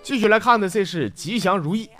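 A man's voice: sits high, lively intonation, fairly quick. A man with a Northeastern Mandarin accent, telling listener stories aloud as a teasing, slangy comic host. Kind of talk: comic storytelling. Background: background music.

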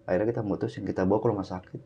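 With a deep, warm, slightly rough and creaky voice, this guest talks rapid-fire in a steady tone. He casually tells a vivid, dramatic personal story, constantly addressing the host as "Bang." Faint background music accompanies the dull, lo-fi recording.

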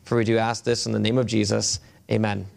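A male pastor preaching a sermon at a pulpit microphone in a church. He reads scripture in a measured way and often halts with fillers when he speaks freely. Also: fairly low pitch, flat delivery, vocal fry, a little mellow, a little hiss or hum. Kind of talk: sermon with scripture reading and prayer. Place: church sanctuary.

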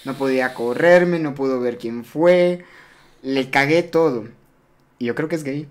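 A man's voice: mid-range voice, a little slow. A young man telling crude school stories in a casual chat, acting out the voices of the people in them. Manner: crude, animated, acts out quoted voices.

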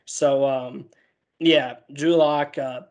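A man co-hosting a casual football talk, self-deprecating and quick to laugh at himself. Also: mid-range voice, steady tone, darkish tone, dull audio. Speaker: co-host analyst.

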